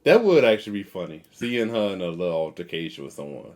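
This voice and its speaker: A young man co-hosting a casual chat, easygoing and agreeable, often trailing off softly. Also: deep voice, sing-song, fast. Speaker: podcast co-host.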